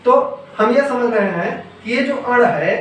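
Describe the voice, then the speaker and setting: Male grammar teacher, high voice, patient question-and-answer delivery that repeats key terms; recorded from a distance in a boomy room. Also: lively intonation, measured pace, a bit bright. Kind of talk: explaining grammar rules step by step. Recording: echoey room, voice from some distance off the mic, faint noise.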